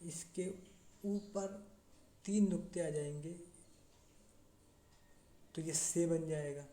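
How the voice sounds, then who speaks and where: A teacher giving a slow classroom lesson, repeating points and checking in as they explain. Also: mid-range voice, fairly even intonation, warm tone. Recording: echoey room with faint noise.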